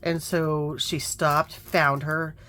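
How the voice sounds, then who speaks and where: Low-voiced woman chatting while crafting. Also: little pitch movement, slow, fairly bright tone, a little hiss or hum. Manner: chatty storyteller, mutters to herself over her work. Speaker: craft vlogger. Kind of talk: casual chat while crafting.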